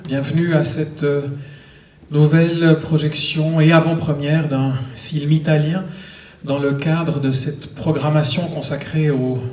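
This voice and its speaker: A man's voice: fairly high pitch, flat delivery, measured pace, darkish tone. A man hosting a film screening, giving a conversational, digressive live introduction as he addresses the public. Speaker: cinema host introducing a screening. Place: cinema auditorium before an audience. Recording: echoey auditorium, distant microphone.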